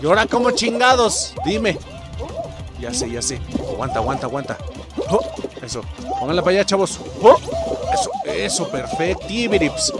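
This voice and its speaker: Loud mexican gamer dude, high voice, cussing and yelling while he plays, clear music under it. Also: sing-song, normal speed. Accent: Mexican Spanish. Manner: loud, profane, yelps and laughs often. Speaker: gaming YouTuber. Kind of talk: excited gameplay commentary. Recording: game music behind.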